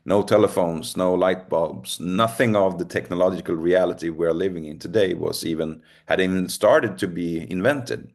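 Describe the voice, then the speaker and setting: A deep-voiced middle-aged Swedish man speaks accented English, his second language, in a recorded lecture at a moderate pace with few pauses. Even so, he hesitates through frequent ums and uhs and sounds self-deprecating.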